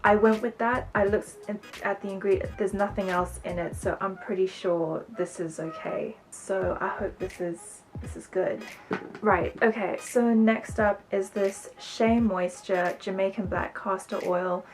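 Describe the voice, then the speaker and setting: Her medium-pitched voice is steady and unhurried as she chats ramblingly to camera about beauty, throwing in self-conscious asides. UK-born and raised in South Africa during her teens, she sounds mostly British with hints of South African and American. The recording is low quality, with faint music behind.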